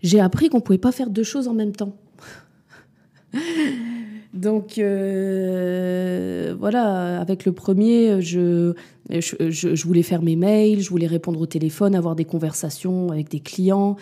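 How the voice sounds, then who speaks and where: Speaking unhurriedly in a lowish, warm voice with fairly even intonation, a woman in her forties answers interview questions frankly. A mother and business owner, she comes across as hesitant and reflective, with frequent fillers and false starts.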